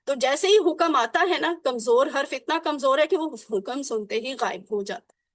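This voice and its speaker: High-voiced woman teacher drilling phrases. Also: lively intonation, no room sound, clean studio sound. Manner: explains patiently, drills phrases by repetition. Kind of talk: online class lesson.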